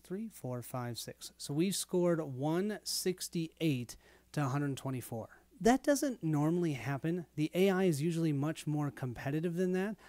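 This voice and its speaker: A man talks through a tabletop game in a casual, explanatory way as host of a playthrough. His voice sits a little high and sounds hoarse and tired. The recording is dry, with very little room sound. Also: dark tone, no room sound. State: tired late at night. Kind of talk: casual tabletop gameplay walkthrough.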